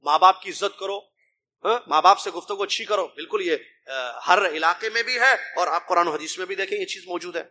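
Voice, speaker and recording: A middle-aged preacher from India or Pakistan speaks in a high, bright, ringing voice. He delivers an emphatic mosque sermon, throwing out rhetorical questions and calling his listeners brother. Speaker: preacher translating a Friday sermon.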